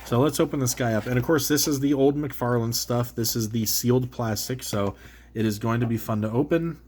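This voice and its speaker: Slight background noise sits behind a man's mid-range voice, steady in tone, fairly quick and a little mellow, congested by a cold. The toy channel host casually unboxes and reviews an action figure, rambling with many fillers and self-correcting restarts.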